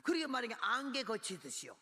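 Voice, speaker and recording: A woman's voice: fairly high pitch, very animated, brisk, a bit bright. A woman missionary preacher giving a dramatic sermon testimony, acting out her own cries and prayers. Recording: reverberant hall sound.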